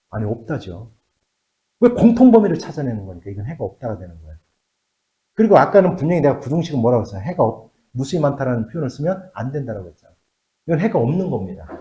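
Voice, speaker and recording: A middle-aged man teaches math in a classroom. His pitch rises and falls a lot as he checks whether the students follow. The room around him rings with echo. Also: lo-fi sound. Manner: lively, asks checking questions, drops to mutters while writing. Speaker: math tutor.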